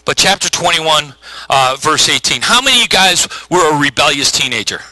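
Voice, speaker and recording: A middle-aged male pastor preaching a sermon, telling the story with lively acted-out voices. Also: a little high, brisk, no echo, poor audio. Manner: animated storytelling with voiced characters.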